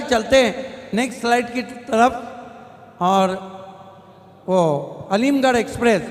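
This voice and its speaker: A man with a very high-pitched voice presents at a live auction. He speaks as the host, introducing and commenting, with strong echo and a long hall reverb around his voice. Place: large echoing room at a live event.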